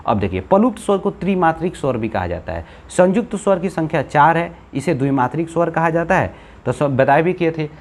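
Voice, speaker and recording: A man's voice: on the high side, lively intonation, brisk. A man with a Bihari Hindi accent teaching Hindi grammar, asking the class questions, answering them himself and repeating key points. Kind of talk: classroom-style lesson.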